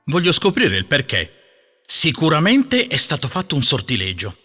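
An earnest young king speaks with determination in a storybook tale. His voice is bright and expressive, with a long hall echo and soft music underneath. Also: on the high side, normal speed, husky, full character voice.

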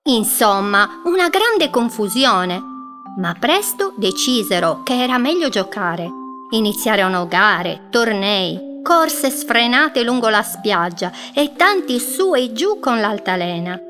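Female storyteller, gentle children's narration, music bed. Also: on the high side, sing-song. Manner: gentle, slow storytelling with drawn-out words.

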